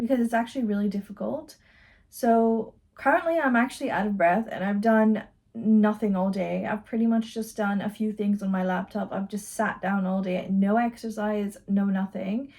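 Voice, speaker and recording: A woman's voice: medium pitch, vocal fry, warm tone. A young woman, talking casually to camera in a rambling, conversational vlog style. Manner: rambling, conversational, with loose fillers. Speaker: vlogger. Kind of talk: casual chatty vlog talk.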